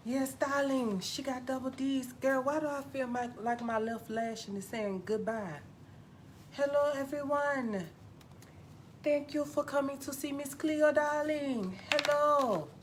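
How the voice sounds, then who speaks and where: A woman playing a sassy, glamorous TV psychic who hosts a live call-in stream in a campy, drawn-out manner. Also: high voice. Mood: sassy, welcoming. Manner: campy, drawn-out, calls everyone darling. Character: sassy glamorous female TV psychic hotline host. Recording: noisy live stream audio.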